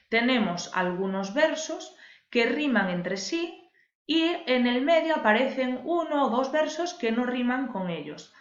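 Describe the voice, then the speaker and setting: A woman teacher, patiently explaining a lesson and stressing key words for her viewers. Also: sits high. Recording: echoey room, dull lo-fi sound.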